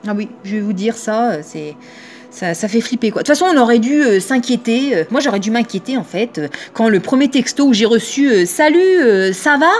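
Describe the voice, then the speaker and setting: Woman, thirties, shop owner vlogging to camera; slightly high, chatty, teasing, mimics quoted voices. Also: expressive, a little fast, darkish tone. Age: 30s. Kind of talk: casual monologue to camera.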